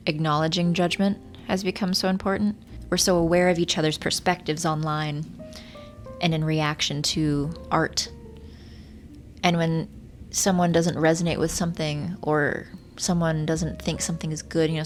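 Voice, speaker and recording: A woman in her thirties talking casually and reflectively to her viewers in an earnest, musing way, with rain around her. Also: sits low. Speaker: vlogger. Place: hotel room. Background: rain from a storm, faint music.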